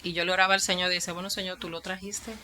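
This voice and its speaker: A woman's voice: lowish voice, flat delivery, rapid-fire, pushed and bright. A woman with a Dominican accent, a pastor and psychologist, giving her testimony in an interview and acting out the dialogue she quotes. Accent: Dominican Spanish. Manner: storytelling that acts out quoted dialogue.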